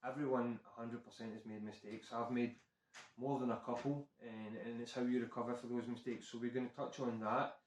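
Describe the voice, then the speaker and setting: Male presenter, heavy Scottish accent, even-toned and hesitant, informal vlog delivery, recorded off-mic in a reverberant room. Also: medium pitch, a little fast, slight background noise. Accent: broad Scottish. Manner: hesitant, self-conscious, unpolished. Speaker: car care channel presenter. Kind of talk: informal talk to camera introducing a channel. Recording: echoey room, distant microphone.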